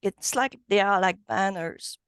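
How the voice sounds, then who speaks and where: A woman's voice: medium pitch, animated, measured pace, smooth, no room sound, clean studio sound. A woman hosting a casual online workshop, losing her voice and coaxing the group to ask questions. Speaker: workshop host. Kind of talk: casual video-call workshop.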